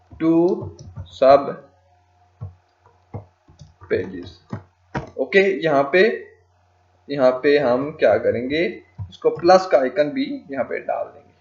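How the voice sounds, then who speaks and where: A man teaching freelancing in a screen-recorded tutorial, dictating English phrases word by word as he types, with frequent fillers like "ok ji". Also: a little high. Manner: frequent fillers "ok ji" and "theek hai". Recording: echoey lo-fi home recording.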